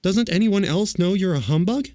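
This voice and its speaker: A man voicing a young girl in a storybook, earnest and bold, exclaiming in a high voice. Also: expressive, normal speed, dark tone, no echo, studio quality. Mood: indignant.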